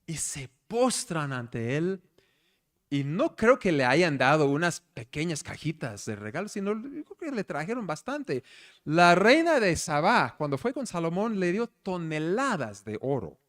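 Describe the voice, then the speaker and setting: Lively, animated male pastor preaching. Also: on the high side, a little slow. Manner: animated storyteller, asks the congregation questions. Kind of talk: conversational sermon. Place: church service.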